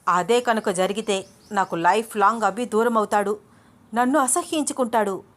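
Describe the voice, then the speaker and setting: A woman voicing a jealous, hot-tempered young woman who scolds and shouts in a raised voice. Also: fairly high pitch, moderate pace, voice pushed up, natural voice. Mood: angry.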